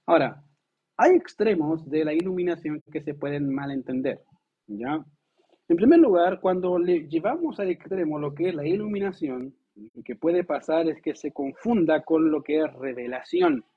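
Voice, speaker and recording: A pastor delivering a lively, conversational sermon, asking the congregation rhetorical questions and acting out quotes. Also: male voice, a little high, moderate pace, husky. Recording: tinny phone-like sound.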